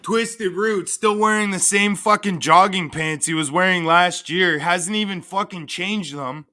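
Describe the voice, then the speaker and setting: A man's voice: sits high, measured pace, sharp tone. A man hosting a livestream, crudely and profanely mocking in a casual rant. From Canada. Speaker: livestream host.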